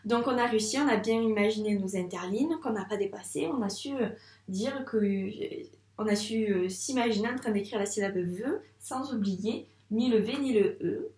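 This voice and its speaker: A woman teaching a first-grade handwriting lesson, speaking slowly and patiently and encouraging the child directly. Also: mid-range voice, darkish tone, roomy sound, distant mic.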